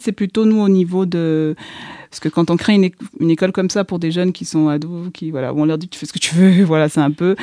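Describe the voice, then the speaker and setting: Woman guest, school founder, halting restarts, dry dead sound. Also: fairly low pitch, dark tone, no echo. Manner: restarts often, repeating short words. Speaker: youth school founder, volunteer. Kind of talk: interview answers.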